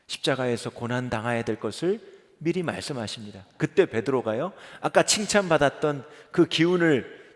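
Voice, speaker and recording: A male pastor preaching to a young congregation, acting out the voices of the people in his story with dramatic swings. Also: medium pitch. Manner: dramatic, acts out voices of biblical figures and congregants. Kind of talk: sermon. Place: large church sanctuary. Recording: reverberant church hall.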